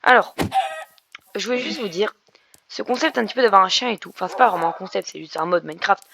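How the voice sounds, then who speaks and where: A woman's voice: medium pitch, expressive, fast, gravelly, a crowd in the background. A young woman commenting on her Minecraft game in a chatty way, explaining as she plays, with many fillers and restarts. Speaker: gaming YouTuber. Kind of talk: Minecraft let's play commentary.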